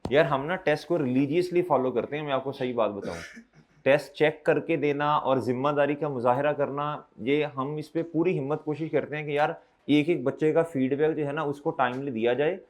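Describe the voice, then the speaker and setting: A male accountancy lecturer, scolding his students and urging them to take their tests, dropping low and then rising loud. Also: normal speed. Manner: scolding, exhorting, switches between soft and loud.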